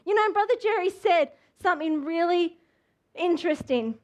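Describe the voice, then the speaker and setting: A woman's voice: very high-pitched, normal speed, darkish tone, lo-fi sound. A woman preaching a sermon, fervent and emphatic, with lots of repetition.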